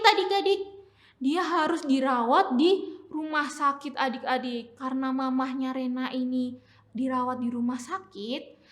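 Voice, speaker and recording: Young female children's church teacher, high-pitched, coaxing, quizzing the kids through a sermon. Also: a bit bright. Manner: coaxing, keeps asking the kids questions.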